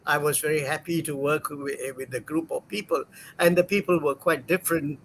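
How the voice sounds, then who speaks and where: Halting older man from Singapore. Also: a little high, steady tone, a bit bright, a little hiss or hum, rough recording. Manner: halting, many fillers and self-corrections. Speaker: interview guest. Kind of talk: career story in an interview.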